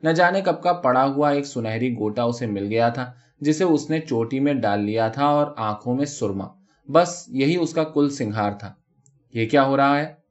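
A man narrating a short story aloud in a steady, expressive reading, on a dull lo-fi recording. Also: medium pitch. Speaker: story reader.

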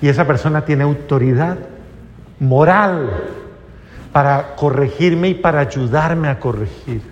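Guy preaching, emphatic, goes loud then hushed, big echoey hall, muffled sound. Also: high voice. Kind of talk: sermon. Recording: dull audio with long hall reverb.

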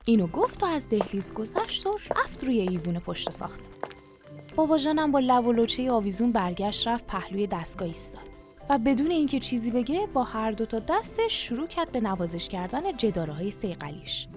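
A woman narrates a storybook audiobook in a calm, measured way. Her voice sits a little high, and soft music plays faintly beneath her reading.

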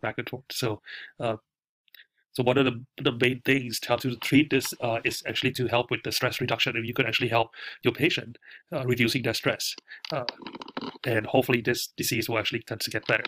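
A man with a nasal, stuffy voice from a cold, teaching a recorded lecture in a halting way with many fillers. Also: mid-range voice, fairly bright tone, dry recording. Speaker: instructor.

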